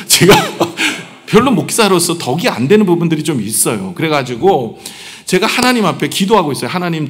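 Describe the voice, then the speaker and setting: A middle-aged man, the senior pastor, preaching a sermon in a conversational way, asking the congregation questions and joking about himself. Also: medium pitch. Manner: conversational preaching, asks the congregation questions, self-deprecating humor. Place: church sanctuary. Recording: long church hall reverb.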